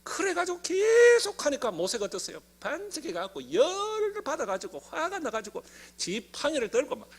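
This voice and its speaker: A middle-aged pastor with a Gyeongsang accent preaches in a very high, highly expressive voice. He tells the story with animation and leads the congregation to repeat key phrases after him. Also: normal speed, hardly any pauses. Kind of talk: sermon.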